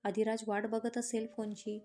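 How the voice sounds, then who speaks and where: A woman's voice: on the high side, level tone, moderate pace, warm tone, natural voice. A woman voicing a playful, affectionate young woman in a romantic audio story.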